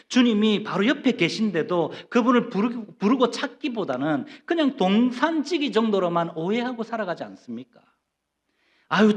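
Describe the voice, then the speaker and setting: A man's voice: a little high, dull audio. A middle-aged Korean man preaching a sermon, emphatic, often putting questions to the congregation and acting out quoted voices. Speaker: pastor.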